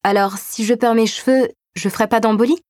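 Woman voicing an anxious little boy, higher-pitched. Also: steady tone, brisk, a little mellow, dry recording, clean studio sound, lightly acted. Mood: anxious curiosity.

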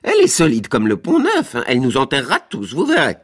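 A man voicing a jovial middle-aged doctor who talks in a hearty, booming, bantering way. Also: wildly swooping pitch, fast.

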